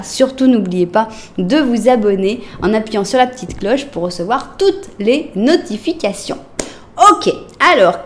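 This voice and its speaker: A woman with a French accent doing a casual tarot reading, talking straight to her viewers with lots of fillers and often dropping to a soft murmur as she lays out cards. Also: medium pitch. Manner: chatty, addresses viewers directly, many fillers. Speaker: tarot reader.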